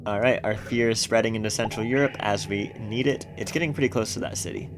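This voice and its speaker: A man's voice: lowish voice, fast, background noise. A man streaming a strategy game, thinking aloud about his moves and reading the game text aloud in a casual way. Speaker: let's play streamer.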